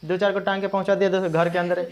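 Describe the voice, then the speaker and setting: A teacher, telling a folk tale in a lively, chatty classroom style and checking in with listeners. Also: mid-range voice, fast, crowd noise.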